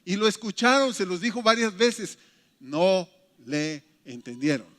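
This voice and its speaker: High-voiced Mexican pastor preaching. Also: male voice, unhurried. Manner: emphatic, animated storytelling. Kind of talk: sermon. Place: church. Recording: reverberant church hall.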